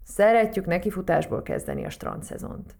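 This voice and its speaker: A woman's voice: lowish voice, huge pitch swings, gravelly, a little mellow, heavily acted. A woman doing a cool laid-back frog. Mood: easygoing.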